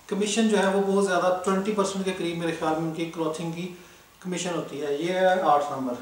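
A man with a Pakistani Urdu accent chats through a fabric sale, speaking directly to customers. His voice sits high for a man. It rings around a very echoey room, a little way off the mic. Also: a little hiss or hum. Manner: chatty, addresses customers directly with fillers. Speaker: online cloth seller. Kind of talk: casual sales talk. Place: indoors, filming fabrics on a table. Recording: very echoey room, voice somewhat far off.

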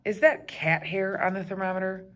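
A woman's voice: medium pitch, steady tone, moderate pace, a bit bright, pitched above the performer's own voice, close to an everyday voice. Lady doing the mom voice, patient and kinda doubtful, storybook. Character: mother, adult woman, patient and doubtful.

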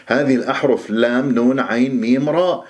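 Man teaching Quran pronunciation. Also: mid-range voice. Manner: explains rules quickly, then slowly recites and repeats words as models. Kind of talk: tajweed pronunciation lesson.

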